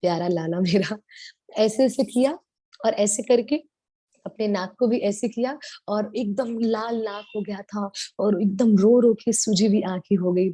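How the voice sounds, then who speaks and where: A woman with a mid-range, slightly rough voice speaks at a measured pace, with no echo. As a devotional speaker, she tells stories tenderly and with animation, mixing English words into her Hindi.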